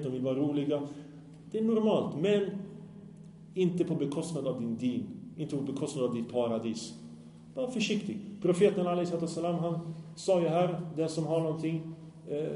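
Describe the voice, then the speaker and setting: A man delivers a sermon in an earnest, questioning way, checking in with his listeners. His tone is mellow and relaxed. The room rings with echo under a light background hiss. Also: a little high. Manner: earnest, asks the audience often. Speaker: preacher. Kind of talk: Islamic sermon to youth.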